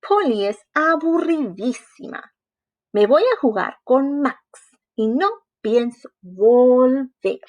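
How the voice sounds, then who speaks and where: A woman voicing an impatient young boy frog who is a big brother, talking in a whiny, high, exclamatory way. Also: animated, takes it slowly, exaggerated voice. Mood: fed up.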